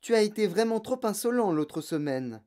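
A narrator voicing a gentle young schoolteacher in an audiobook, speaking patiently and firmly. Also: medium pitch, animated, moderate pace, voice pushed up, close to an everyday voice. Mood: earnest. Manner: patient, firm, softly reasoning. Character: gentle young female teacher, calm and principled. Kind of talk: audiobook character voice.

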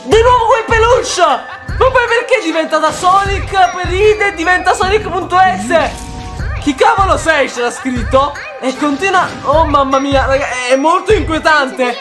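A high-pitched man hosts a reaction video with jokey, excitable commentary. He keeps breaking into loud shouted reactions. Faint music plays quietly behind him. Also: unhurried. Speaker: YouTuber host.

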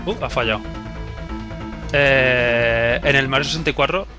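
A man's voice: mid-range voice, measured pace. A young man with a Spain Spanish accent commenting live on a video game he plays, casual and joking, swearing freely. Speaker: gamer. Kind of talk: live let's play commentary. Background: video game music.

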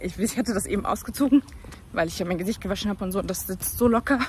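A young woman chatting on camera in a bubbly, excitable way while out on the street. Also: medium pitch, quick pace, slight background noise. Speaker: vlogger. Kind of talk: casual chat on camera.

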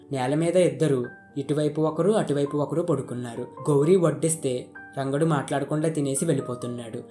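Male storyteller, scripted narration, mellow slightly high voice, faint guitar underneath. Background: faint guitar music.

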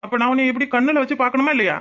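Voice actor playing a cocky village husband, quick talker, bright, southern Tamil accent, swaggering, cartoon. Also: high voice, lo-fi sound. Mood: doting. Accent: southern Tamil (Tirunelveli). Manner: swaggering, playful, protective. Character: boastful doting young village husband, strong laborer. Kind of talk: cartoon voice acting.

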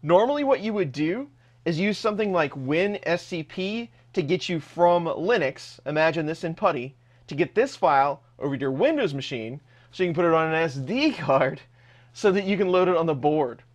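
A man's voice: fairly high pitch, expressive, normal speed. A man narrating a screen-recorded tech tutorial step by step in a casual, plain way. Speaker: host of a 3D printing tech channel.

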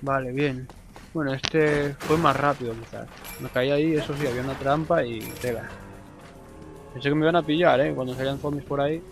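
A young Spanish man with a Spain accent talks through his gameplay, cursing freely and shouting out in excitement. His voice has a gravelly, fry-laden edge at a middling pitch. Game music plays clearly behind him. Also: brisk, low-quality recording. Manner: swears often, excitable exclamations. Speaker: gameplay commentator. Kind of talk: casual gameplay commentary.

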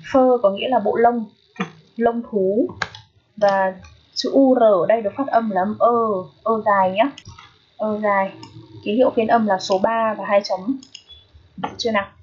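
A woman's voice: medium pitch, husky, highs cut off. A woman with a Vietnamese accent teaching English pronunciation, repeating each word and often checking that listeners follow. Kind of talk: phonetics lesson.

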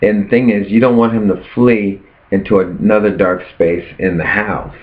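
A man with a very low voice preaches earnestly to camera, posing rhetorical questions. His words come through thin and tinny, like over a phone line. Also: fairly even intonation, moderate pace. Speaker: preacher sharing his fast. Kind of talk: casual preaching vlog.

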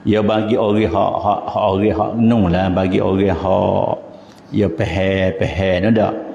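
A man's voice: low voice, flat delivery, slow, gravelly, dark tone. A man with a Patani Malay accent giving an informal religious lecture in a mosque, chatty and explanatory, chanting verses now and then. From southern Thailand. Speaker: religious teacher. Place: mosque hall. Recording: echoey hall, dull lo-fi sound.

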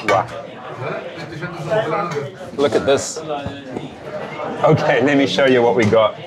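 A man in his thirties explains things to camera in a casual, informal vlogging style. His voice is medium in pitch, picked up on a handheld camera with clear crowd chatter around him. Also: slow pace. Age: 30s. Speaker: travel vlog host. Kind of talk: casual chat and commentary to camera. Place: busy street and small tiled eatery.

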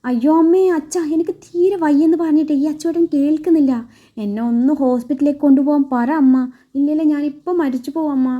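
A woman's voice: sits high, animated, a little fast, dark tone, highs cut off. A woman voicing a sulky, scheming young bride who fakes illness with dramatic whining complaints. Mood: wailing, dramatic.

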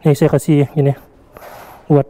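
A man's voice: a little high, level tone, unhurried, a crowd in the background. A man with an Indonesian accent giving casual, slangy vlog commentary, joking and exclaiming as he goes. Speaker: vlogger. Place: indoor theme park, action camera worn or held. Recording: music behind the voice.

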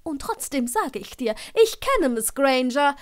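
A woman voicing a tart, caring older female witch professor, with a sharp, dry wit, in an audiobook. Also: sits high, big pitch swings, a little slow, voice pushed up.

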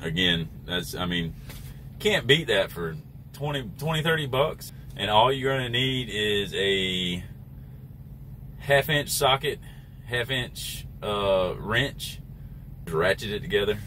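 This middle-aged American truck driver takes it slowly but sounds animated, his lowish voice bright and forceful. He's giving a casual, plain-spoken how-to from his truck cab, with background noise present.

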